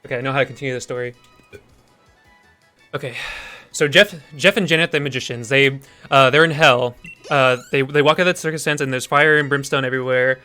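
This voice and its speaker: A man's voice: medium pitch, fairly even intonation, brisk, bright, forceful tone, soft background music. A man improvising a goofy story while streaming a game, rambling with lots of restarts and fillers.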